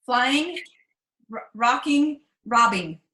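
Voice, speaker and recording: A woman's voice: a little high, lively intonation, extremely slow, sharp tone. A woman chatting casually as co-host and contestant in a game, recorded in an echoey room. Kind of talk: casual chat.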